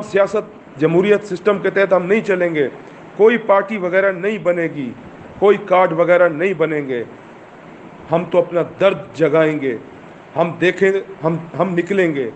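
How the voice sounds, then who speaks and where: A movement chairman with a Pakistani accent delivers a fervent political speech packed with rhetorical questions, recorded while he drives. His voice has a fairly high pitch, with slight background noise.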